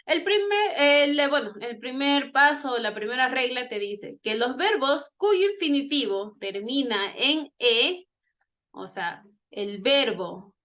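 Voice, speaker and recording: Slow, bright-voiced woman teacher. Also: sits high, lively intonation. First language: Spanish. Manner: slow, patient, repeats and checks with "¿sí?". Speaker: English teacher. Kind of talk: online class explanation.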